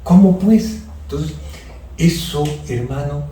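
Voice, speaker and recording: A man's voice: fairly high pitch, slow, mellow. A man with a Peruvian Spanish accent, a pastor leading a Bible study in earnest, hesitant speech full of restarts, talking straight to his listeners. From Peru. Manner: earnest, many fillers and restarts, addresses listeners directly. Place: church hall. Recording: echoey room, voice from far off.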